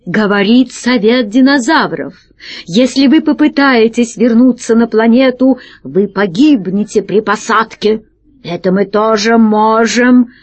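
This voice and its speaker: A woman voicing a small, quiet but stern male alien who foresees disasters, in a measured storybook reading. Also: fairly high pitch. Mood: stern, solemn. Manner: soft, measured, then stern and ominous.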